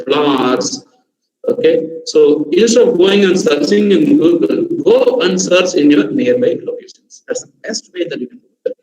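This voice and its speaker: A man's voice: a little high, a little mellow. A man with an Indian English accent giving a live online lesson on a video call. He lists numbered tips and keeps coming back to "okay". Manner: repeats "okay", gives numbered step-by-step tips. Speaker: online workshop trainer. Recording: dull, roomy video-call audio with faint hiss.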